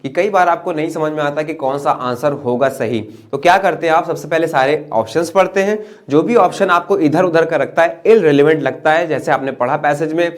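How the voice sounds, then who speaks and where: A man teaching an exam-prep English lesson in Hindi, reading English phrases aloud slowly and asking "right?" to check in. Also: a little high. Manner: asks "right?" to check understanding.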